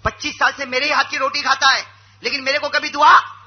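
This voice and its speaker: A man's voice: very high-pitched, little pitch movement, brisk, muffled recording, voice pushed up. A man voicing a long-suffering middle-aged wife who complains about her husband. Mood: aggrieved. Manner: complaining, aggrieved.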